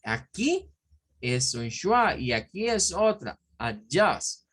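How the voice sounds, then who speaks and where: Male teacher, Spanish speaker, unhurried pace, patient drill-style explanations with repeated words. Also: high-pitched, very animated, fairly bright tone. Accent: Central American Spanish. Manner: looks up words in an online dictionary as he talks. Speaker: English teacher. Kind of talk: online pronunciation lesson.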